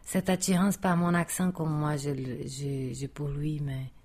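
A Brazilian woman, a native Portuguese speaker, chats casually in French as a guest with a Brazilian accent, stretching her vowels expressively. Her voice is deep, husky, and darkish, with a level tone and an unhurried pace.

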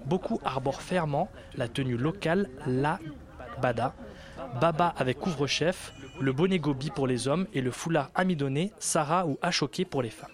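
A man's voice: a little high, moderate pace, a crowd in the background. A man hosting a French radio talk show, friendly, guiding his guests and reading scripted travel narration.

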